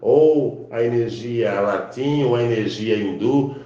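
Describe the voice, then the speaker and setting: Echoey man intoning slow spiritual chants. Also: medium pitch, warm tone, lo-fi sound. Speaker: spiritual teacher. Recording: very echoey room.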